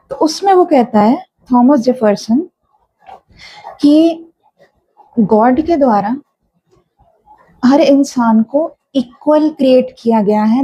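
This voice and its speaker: A woman's voice: on the high side, warm tone, breathy edge, no echo. A woman teacher, explaining a text to students step by step and mixing Hindi with English. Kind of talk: classroom lecture explaining a text. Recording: dull, muffled sound.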